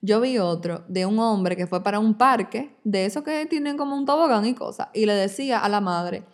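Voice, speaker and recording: A woman's voice: mid-range voice, normal speed. A woman co-hosting a podcast, chatting casually and acting out voices when she tells a story. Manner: animated storyteller, acts out quoted voices. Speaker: podcast co-host. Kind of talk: casual chat.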